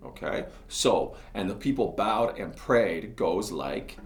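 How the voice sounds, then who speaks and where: Male cello teacher, relaxed step-by-step talk, echoey room. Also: low voice, slow pace, over loud music. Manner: chatty, talks through each step while playing. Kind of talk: casual music lesson.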